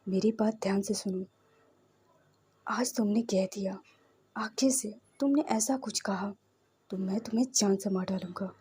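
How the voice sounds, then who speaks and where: Woman voicing a breathy, possessive thirty-year-old man. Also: medium pitch, unhurried, pauses often, mellow. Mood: threatening. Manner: intense, commanding.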